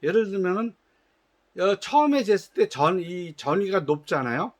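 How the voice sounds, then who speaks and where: A man with a high, animated voice talks at a moderate pace about testing a product from his shoe company. He gives polite, formal directions patiently, stumbling into hesitations and restarts along the way.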